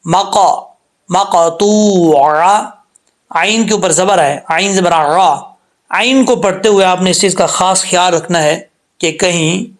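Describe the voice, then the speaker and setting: Patient man teaching Quran recitation rules. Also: sits high. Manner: patient, repeats points, drawn-out sung demonstrations of sounds. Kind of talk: tajweed lesson, explaining and demonstrating letter sounds.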